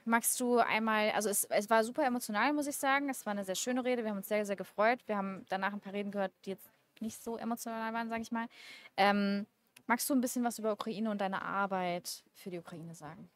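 Fields: Sex: woman. Role: quick-talking interview host. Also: mid-range voice, no room sound. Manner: lively, chatty, quick to react. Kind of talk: casual interview chat.

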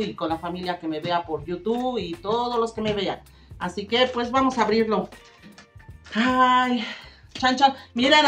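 A woman's voice: on the high side, fairly bright tone. A middle-aged woman, chatting casually and emotionally as she unboxes gifts in her vlog. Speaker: vlogger.

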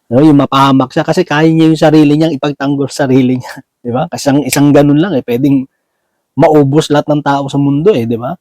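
A man preaches a Bible sermon in Tagalog in a casual, conversational style, slipping in English words, frequently asking listeners "right?", and restarting as he hunts for words. His voice is a little high, mellow, and steady, he talks fast, and the recording is dry with poor audio.

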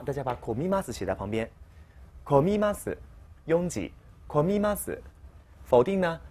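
A woman's voice: deep voice, darkish tone. A woman teaching a vocabulary lesson, explaining step by step and saying each new word twice for the learner to repeat. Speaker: Japanese language teacher.

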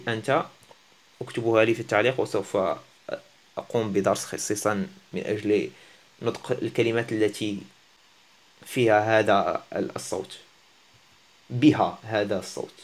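Halting man teaching a French lesson. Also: fairly low pitch. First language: not Arabic. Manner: halting, searching for words, self-deprecating. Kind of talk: casual language lesson.

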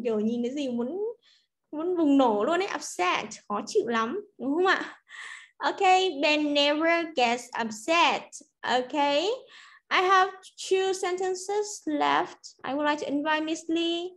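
A high-pitched woman with a Vietnamese accent runs an online pronunciation class. She chats quickly in Vietnamese, then stretches English model sentences out slowly, over a video call. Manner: chatty, drawn-out model sentences.

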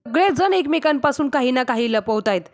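A woman's voice: high-pitched, animated, a little fast, soft background music. A woman reading the lines of a stern, angry father laying down the law. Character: stern angry family patriarch.

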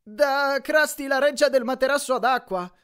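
A man voicing a nervous young satyr boy who talks high and breathless, in an audiobook reading. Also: normal speed, a bit bright. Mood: anxious.

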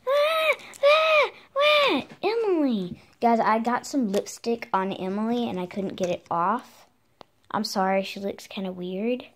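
A woman's voice: mid-range voice, fairly even intonation, moderate pace, background noise. A female doll vlogger chatting casually to her viewers. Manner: chatty, talks to viewers and dolls as if real. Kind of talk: casual vlog chat.

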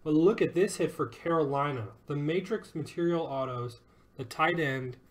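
A man's voice: fairly high pitch, moderate pace. A man hosting a live sports card break, upbeat and joking as he calls out each card and who it goes to.

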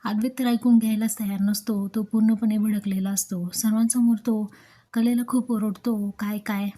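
Woman, episode recap narrator, steady storytelling, flat even delivery. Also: mid-range voice, moderate pace.

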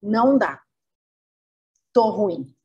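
A woman voicing an overwhelmed talking kidney in a classroom skit, weary and pleading, with a slow husky voice. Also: medium pitch, big pitch swings, a little mellow, lo-fi sound, heavily acted.

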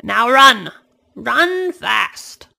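A woman voicing a wise, kindly old man in a children's storybook reading, giving gentle advice. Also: fairly high pitch, sing-song, moderate pace, vocal fry, full character voice. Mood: urgent. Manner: gentle, advising, urging.

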